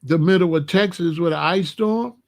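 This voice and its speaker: Chatting with his online audience, this American host, middle-aged or older, cautions them about the weather in a livestream. His voice is fairly high and creaky at a moderate pace, and his colloquial delivery leans on repeated phrases for emphasis.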